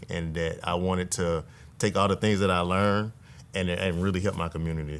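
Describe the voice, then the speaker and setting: A man in his thirties, a state legislator, talking earnestly in a relaxed conversation and often adding "right?" to his points. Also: deep voice. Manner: earnest, reflective, tag questions. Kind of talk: casual conversation.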